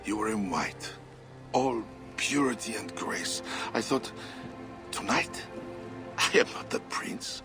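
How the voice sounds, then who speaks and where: A man's voice: on the low side, slow pace, music in the background. An actor playing a bitter, jealous Frankish king in a video game, pompous and theatrical, with a sardonic edge. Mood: wistful. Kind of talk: dramatic video game acting.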